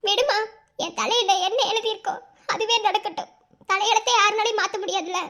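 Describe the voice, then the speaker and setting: A woman voices a weary, resigned young village woman in a cartoon, speaking with a Madurai accent. Her voice sits very high and thin, heavy with bitterness. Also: fairly quick, sharp tone. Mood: bitter resigned. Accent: Madurai Tamil. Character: sorrowful young village bride forced into engagement. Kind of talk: cartoon voice acting.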